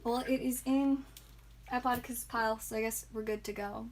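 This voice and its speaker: Giggly, chatty woman streamer, slightly high. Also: fairly even intonation, normal speed, a little hiss or hum. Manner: chatty, giggly, talks to chat viewers by name. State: tired and a bit loopy. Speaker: livestream card seller and host. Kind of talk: live-streamed pack-opening chat.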